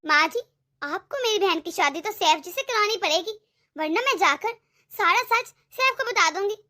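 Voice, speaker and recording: A cunning young daughter-in-law from a family cartoon, voiced by a woman, with a very high, bright voice. She taunts and threatens her in-laws in a sharp, scheming way. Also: animated, normal speed, heavily acted. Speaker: voice actor.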